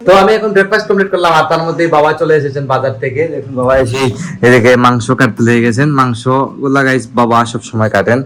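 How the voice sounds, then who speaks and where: A man narrating a casual family vlog, chatty and often speaking softly to the viewers. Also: medium pitch, fast, rough recording. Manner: chatty, addresses viewers as guys, drops to a hush to keep a surprise. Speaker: vlogger.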